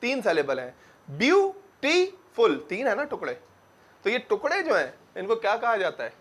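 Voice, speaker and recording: A young man's high, sing-song, fairly bright voice leads a grammar lecture in front of a class. Asking questions and then supplying the answers, he says the important words slowly and several times to help students follow.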